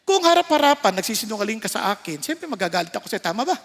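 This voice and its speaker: A man's voice: high-pitched, very animated, rapid-fire. A man with a Filipino accent preaching a sermon as pastor, emphatic and often checking in with his listeners. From Philippines. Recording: reverberant hall sound.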